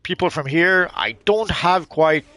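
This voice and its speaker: Here a middle-aged man from Quebec, Canada hosts a gaming channel and talks casually over his gameplay in a mixed Quebec French accent. His voice is fairly high and a bit bright, and he speaks a little slowly. He rambles and hesitates, often using fillers and starting over.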